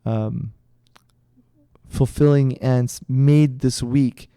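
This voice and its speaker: A middle-aged man chats on a podcast in a mellow, darker tone. He rambles through his story with plenty of restarts. The sound is dry and close. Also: medium pitch, fairly even intonation, slow pace, clean tone, no room sound. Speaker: podcast co-host, karate instructor. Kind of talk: casual chat.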